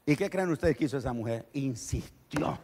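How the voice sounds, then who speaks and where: A man with a Nicaraguan accent preaching a sermon, telling the story with animated, dramatic delivery. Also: mid-range voice, normal speed, big-room sound. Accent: Nicaraguan Spanish.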